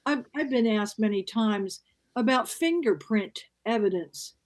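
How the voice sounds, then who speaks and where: A woman co-hosts a casual discussion. She asks careful, precise questions in a measured way. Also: fairly high pitch, lively intonation, rough recording.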